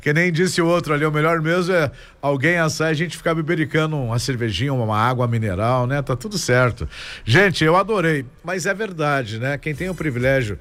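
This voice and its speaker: A man's voice: a little high, brisk, a bit bright. Jokey Brazilian radio host man. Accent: Brazilian Portuguese. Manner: jokey, teasing, laughs easily. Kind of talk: casual call-in radio chat.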